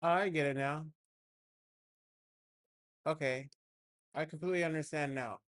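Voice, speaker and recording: In an unhurried, slightly high and a bit bright voice, a young man wanders through small talk while setting up his stream from home. Fillers and hesitations pepper his speech into a desktop mic, captured at studio quality with no room sound.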